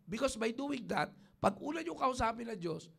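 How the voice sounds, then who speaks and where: A man with a high voice and a gravelly edge hosts a church talk show. He teaches married couples in a playful way and slips into little acted scenes. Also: expressive, normal speed, a bit bright. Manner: acts out quoted prayers and spouses, joking.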